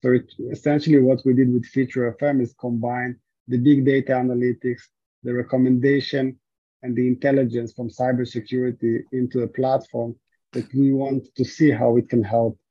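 Hesitant and full of restarts and fillers, this Israeli founder answers interview questions about his startup at length. He speaks at a normal speed in a warm, slightly rough, medium-pitched voice with little pitch movement, and the dull lo-fi recording has no room sound.

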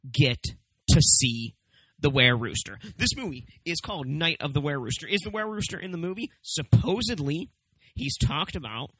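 Emphatic, higher-voiced man reviewing casually. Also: fairly bright tone, slightly rough, no room sound, poor audio. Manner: emphatic, profane, swooping for stress. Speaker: movie review show host. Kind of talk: casual, comedic review commentary.

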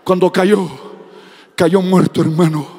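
High-pitched fiery preaching man. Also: steady tone, slow, in a large hall. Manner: shouting, dramatic preaching with sung phrases; speaking in tongues. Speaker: pastor. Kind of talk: fiery Pentecostal sermon.

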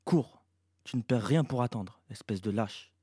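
A man voicing a quick-tempered young woman with a sharp, indignant delivery. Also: medium pitch, breathy edge, no echo, studio quality.

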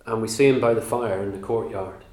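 A man preaching a sermon, teaching the Bible in an earnest, emphatic way with measured pauses. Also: on the low side, steady tone, darkish tone. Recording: roomy echo.

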